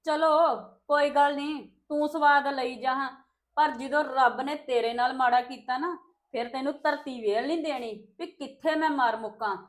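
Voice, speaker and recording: A woman plays a wronged housewife who answers with grave warnings and resentment. Her voice is high, and her tone is that of a scripted family drama. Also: fairly even intonation, normal speed, lightly acted. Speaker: actor in a family skit.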